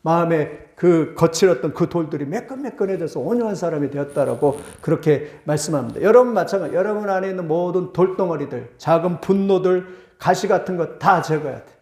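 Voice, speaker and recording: A middle-aged male pastor preaching a sermon, with sudden rising bursts, slowing down for scripture. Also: a little high, expressive, darkish tone, echoey room.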